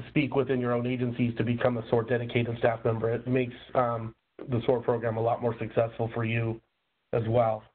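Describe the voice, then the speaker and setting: A man presenting in a polite, formal way, his voice rusty and under the weather with a cold. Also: mid-range voice. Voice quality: rusty, slightly rough voice. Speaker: presenter, program local lead. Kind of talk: prepared webinar presentation. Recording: muffled, narrow phone-like line.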